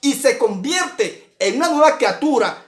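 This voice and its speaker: A man's voice: very high-pitched, animated, measured pace, reverberant. A man from Colombia teaching an online church Bible lesson, earnest and repetitive, with many restarts.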